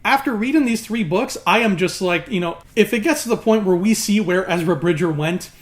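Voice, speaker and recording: A man's voice: high-pitched, fairly quick. A man hosting an opinionated video review in an emphatic, sarcastic, exasperated way, his words slightly mumbled as if he had marbles in his mouth. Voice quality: slightly slurred, marbles-in-mouth articulation from a swollen mouth. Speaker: YouTube host reviewing books.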